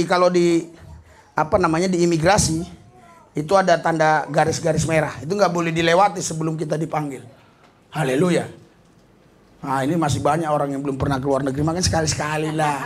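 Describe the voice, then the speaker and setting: High, husky-voiced preacher telling stories. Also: male voice. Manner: animated storytelling, peppered with hallelujahs. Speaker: pastor. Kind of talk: sermon.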